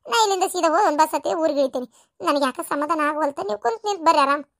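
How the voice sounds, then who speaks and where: A fretful old grandmother in a cartoon story, voiced by a woman, talking in a North Karnataka Kannada accent. The voice is shrill and very high, and she rushes her worried words. The sound is dry and close. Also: fairly bright tone, dry recording. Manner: fretful and pleading.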